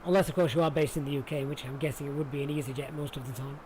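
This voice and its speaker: Very fast and fairly even in intonation, a fairly high male voice with a Yorkshire accent chatters through a flight simulator livestream. The speaker is from Sheffield, England, musing aloud and talking to his audience while background noise comes through clearly.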